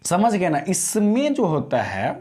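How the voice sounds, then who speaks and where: Rich: A man with a slightly high-pitched voice, teaching a grammar lesson. He explains step by step and keeps checking that the class is following. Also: wildly swooping pitch, dark tone. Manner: explains slowly, repeats "समझ गए ना?" to check understanding.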